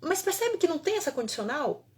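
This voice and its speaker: A woman, a holistic therapist telling a personal story in an animated, emphatic way, repeating phrases for effect. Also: high voice, fast.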